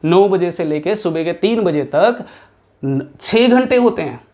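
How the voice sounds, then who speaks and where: A man's voice: sits high, lively intonation, unhurried, darkish tone. A male accounts teacher giving students an emphatic exam-prep lesson, repeating key points and mixing English terms into his speech.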